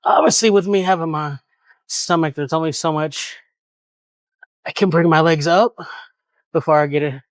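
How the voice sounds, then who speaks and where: A man's voice: on the high side, normal speed, long pauses, dry recording. Winded man explaining his gym workout. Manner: relaxed, explaining exercises while doing them. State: out of breath. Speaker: fitness vlogger. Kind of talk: casual workout vlog.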